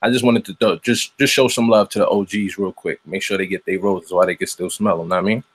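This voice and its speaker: A man's voice: low-pitched, steady tone, fast talker. A man, a rapper chatting as a guest in an easygoing, slangy way. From Brooklyn, New York. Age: late 20s. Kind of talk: casual interview chat.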